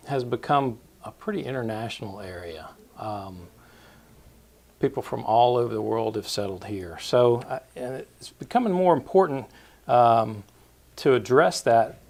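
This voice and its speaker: A man's voice: medium pitch, gravelly, a little mellow. A man hosting a business show, asking questions in a conversational, prompting way. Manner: conversational, prompting with short acknowledgments. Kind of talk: interview questions. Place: TV studio.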